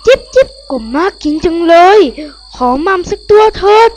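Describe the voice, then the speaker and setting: A woman's voice: extremely high pitch, very animated, normal speed, darkish tone, soft background music. A woman voicing a greedy stork boss that chirps and gloats over its meal. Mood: gloating.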